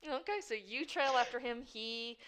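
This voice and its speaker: A woman's voice: a little high, lively intonation, normal speed, a bit bright. Woman narrating as game master. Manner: informal, conversational. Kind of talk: improvised tabletop game narration.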